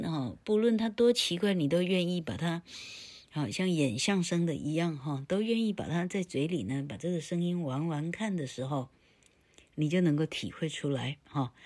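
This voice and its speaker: A woman's voice: lowish voice, a little mellow. A woman teaching English pronunciation in a recorded lecture. She tells playful jokes, laughs at her own stories, tags her phrases with a chatty "ha", and stretches out sounds to demonstrate them.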